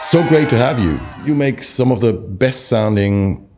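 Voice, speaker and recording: A man with a hoarse, strained, nearly lost voice, hosting an interview in an upbeat presenter style. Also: mid-range voice, lively intonation, a little slow, heavy background noise. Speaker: host.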